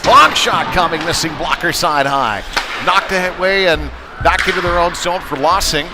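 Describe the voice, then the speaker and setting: At a moderate pace, a man with a voice on the high side calls live hockey play-by-play as the announcer at the rink, mixing in conversational asides. Background noise and music over the venue speakers accompany the broadcast.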